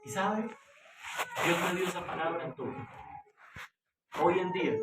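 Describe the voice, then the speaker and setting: A Colombian man preaching a passionate sermon as pastor, rising to loud emotional peaks. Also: high voice, a little slow. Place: small house meeting room. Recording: echoey room, far from the mic, noisy.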